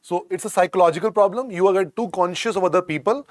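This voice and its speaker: In a lecture room, a man with an Indian English accent teaches a medical exam class, drilling each point repeatedly and calling students "beta". His voice is high and fast. The recording is studio quality with no room sound.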